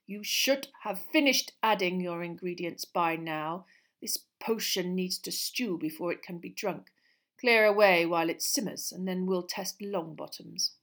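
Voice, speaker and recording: In an audiobook, a woman voices a cold, bullying male potions teacher, drawing out her words slowly and with scorn. Her voice is lowish and husky, and the mood is stern.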